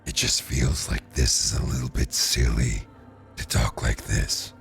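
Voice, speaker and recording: A worn-out detective with a guttural, gravelly rasp, as a man puts him on for a game. He drags each word out slowly and very low, with faint music behind. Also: fairly even intonation, exaggerated voice. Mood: gruff. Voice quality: gravelly vocal fry. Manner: slow, guttural. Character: gruff worn-out male detective.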